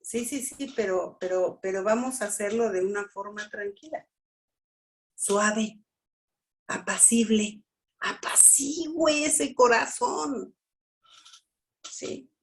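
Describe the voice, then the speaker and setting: A woman teaching a family workshop in a preaching style. She talks slowly and emphatically, checks in with the audience, and acts out quotes. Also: mid-range voice. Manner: slow, emphatic, with repeated "¿sí?" checks and acted-out quotes. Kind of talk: preaching talk.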